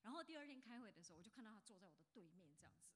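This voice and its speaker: A woman's voice: mid-range voice, sing-song, very fast, a bit bright. A woman in her fifties, a pastor giving a chatty sermon that often asks the congregation questions. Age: 50s. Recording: long hall reverb.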